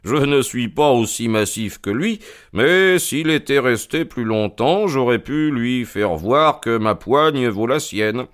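A man playing a calm, ironic detective who reasons and mocks with composure, in an audio drama reading. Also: slow. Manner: composed and mocking, lively rises in pitch. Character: calm, ironic male detective, sure of himself.

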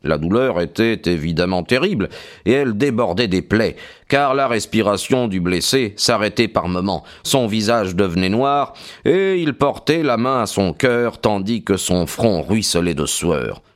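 A man giving measured scripted narration of a detective audiobook. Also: on the low side, expressive.

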